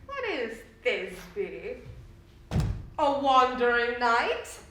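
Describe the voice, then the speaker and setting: A woman's voice: a little high, big pitch swings, extremely slow, full character voice. A woman playing a reluctant young man who protests at being cast as a woman and stammers when he objects. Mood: protesting. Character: reluctant young male bellows mender, Flute. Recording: echoey room with clear noise.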